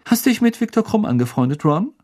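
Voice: mid-range voice, very animated, a little fast, mellow, pitched above the performer's own voice. A reader voicing a pompous, self-important teenage prefect in an audiobook. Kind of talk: audiobook character voice.

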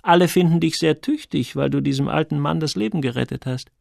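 A man voicing a curious, teasing grown woman with a light, unhurried way of talking, in an audiobook. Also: fairly high pitch, creaky, a little mellow, dry recording, clean studio sound, pitched above the performer's own voice.

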